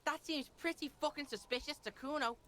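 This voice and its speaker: A woman's voice: high-pitched, fairly quick, sharp tone. A woman voicing a foul-mouthed, hostile young boy who curses nonstop and speaks of himself in the third person.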